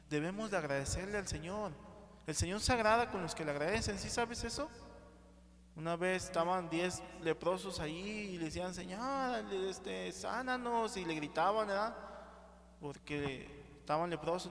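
A man's voice: on the high side, moderate pace, fairly bright tone. A man preaching a sermon, often asking the congregation "sí?" and calling them brothers. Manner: calls out to the congregation with frequent "sí?" and "hermanos". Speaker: pastor. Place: church hall. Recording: reverberant church hall with congregation.

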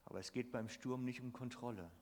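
Preacher in a reverberant church hall. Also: male voice, mid-range voice, fairly even intonation, fairly quick, a little mellow. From Switzerland. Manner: emphatic, asks the congregation questions. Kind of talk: sermon.

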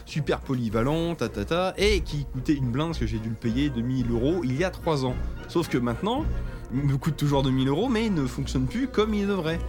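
Young male podcast co-host, casual storyteller, voice a bit high, quick to laugh. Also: over music. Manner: animated storyteller, acts out messages, laughs often.

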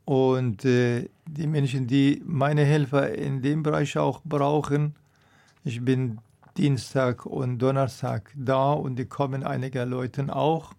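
A middle-aged doctor whose first language is Persian (Dari) answers radio interview questions hesitantly, searching for words in a Persian accent. His medium-pitched voice is level, slow, creaky, and a little mellow.

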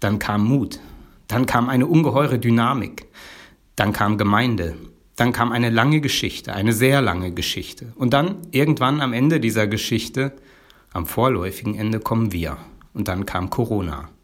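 Man preaching in a slow storytelling sermon. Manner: measured, dramatic pauses, drops to a low quiet voice.

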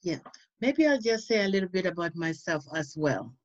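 A woman's voice: lowish voice, sing-song, normal speed, no room sound, dull audio. A woman from Uganda, a radio guest, earnestly telling her faith story with frequent "you know". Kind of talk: personal testimony.

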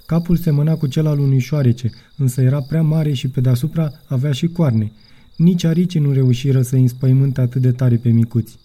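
A man reading a children's audiobook as narrator, in an even storytelling manner. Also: medium pitch. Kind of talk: scripted narration.

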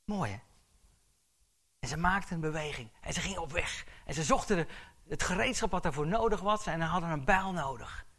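Bright-voiced man preaching with fervor. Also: on the high side, expressive, a little fast. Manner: emphatic, building to urgent exhortation; asks the congregation questions. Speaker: pastor. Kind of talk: sermon.

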